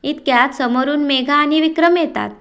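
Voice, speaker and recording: A woman narrating a family story, reading it aloud in a descriptive, measured way. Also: sits high, a bit bright.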